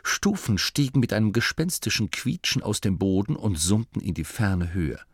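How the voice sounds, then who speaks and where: A man narrating an audiobook in calm, scripted storytelling. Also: fairly low pitch, normal speed, husky, dry recording, studio quality.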